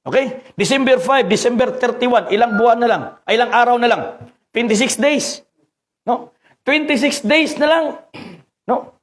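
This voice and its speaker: Male Filipino pastor, high voice, fervent sermon delivery with sudden drops to a hush. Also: moderate pace. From Philippines. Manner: preaching, mixing Cebuano and Tagalog with English scripture, rising to fervent peaks.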